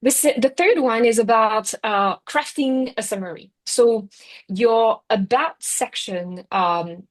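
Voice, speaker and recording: Speaking slowly in a voice on the high side, a middle-aged woman from France gives an online workshop talk in Singapore with a French accent. Her style is chatty, her sentences full of "you know, like" and "right?".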